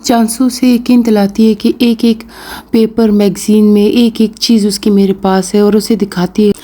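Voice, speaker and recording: A woman's voice: medium pitch, level tone, warm tone. A woman casually retelling a drama episode's plot, talking to viewers as friends with frequent fillers. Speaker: episode recap narrator.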